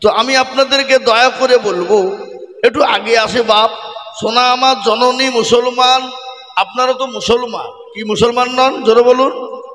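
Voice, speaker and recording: A male preacher delivers a fiery sermon in a high, piercing voice. He slips into lilting, half-sung verses and keeps pressing the crowd for answers. His voice carries a long, roomy echo from loudspeakers at a large gathering. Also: fairly even intonation, measured pace, soft background music. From West Bengal, India. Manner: repeatedly demands answers from the crowd. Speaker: Islamic preacher.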